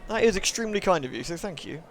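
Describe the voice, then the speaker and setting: This livestreamer reads a visual novel aloud, moving between narration and polite, appreciative talk with viewers. His voice sits high and is expressive, and he talks fast. A little hiss or hum runs underneath.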